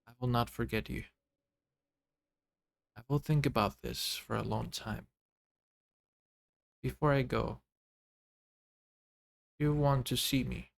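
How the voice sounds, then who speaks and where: Man voicing a slow, solemn alien visitor, gravelly. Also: mid-range voice, fairly even intonation. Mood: gentle, wondering. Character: vast alien visitor, childlike, solemn, gently wondering. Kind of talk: video game dialogue read aloud.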